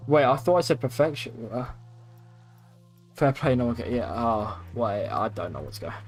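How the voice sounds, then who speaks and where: Young guy streaming games, rambly sweary casual chat, average pitch, bit of music in the back. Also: moderate pace. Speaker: game streamer. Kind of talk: casual livestream gaming chat. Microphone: streaming microphone at a PC. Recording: music behind the voice.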